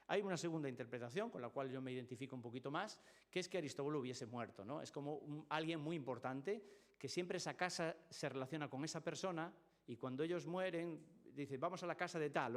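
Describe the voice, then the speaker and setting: A man with a Spain Spanish accent preaching in a church, explaining a scripture text with frequent rhetorical questions. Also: on the high side. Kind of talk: expository sermon.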